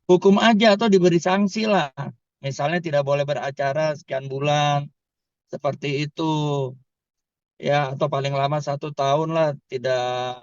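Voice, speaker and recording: A man's voice: fairly high pitch, a little mellow, dry recording, muffled recording. A man, a criminal law expert, answering interview questions in an emphatic, explanatory way. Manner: emphatic, explanatory, repeats "kan" and "tuh".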